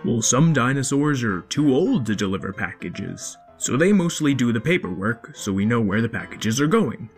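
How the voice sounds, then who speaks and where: Woman doing a stern, deep father dinosaur. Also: very animated, moderate pace, few pauses, faint music behind. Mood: firm. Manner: firm, lecturing, hushing. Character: stern, set-in-his-ways father dinosaur. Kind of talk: storybook character voice.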